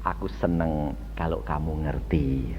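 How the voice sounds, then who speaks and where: A man's voice: very deep voice, fairly even intonation, measured pace, background noise. An older man preaching a sermon in a folksy, storytelling manner, acting out dialogue and quizzing the congregation. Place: church hall. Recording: lo-fi recording in a reverberant church hall.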